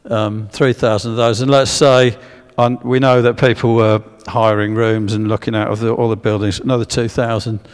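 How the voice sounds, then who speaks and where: A man's voice: fairly low pitch, flat delivery, moderate pace, few pauses, clean tone. A man giving a public history talk with slides, hesitant with many fillers and restarts, drawing guesses from the audience. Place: church. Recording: long echo of a church hall.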